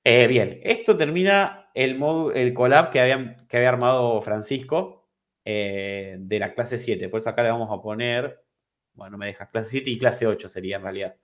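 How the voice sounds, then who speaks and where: A man's voice: medium pitch, normal speed. A man with an Argentine Spanish accent teaching an online programming class, explaining step by step and checking if his students follow. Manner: explanatory, repeats and restarts, asks if understood.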